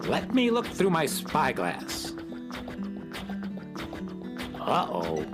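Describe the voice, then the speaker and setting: A woman playing the captain of a flying dream ship in a theatrical, deliberate way for a children's radio play. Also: very deep voice, wildly swooping pitch, over music, full character voice. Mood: concerned.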